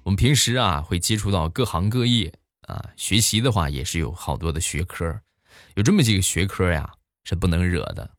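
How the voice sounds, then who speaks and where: Animated low-voiced male comic storyteller. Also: dry recording, clean studio sound. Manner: animated, playful, exaggerated punchlines. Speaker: comedian.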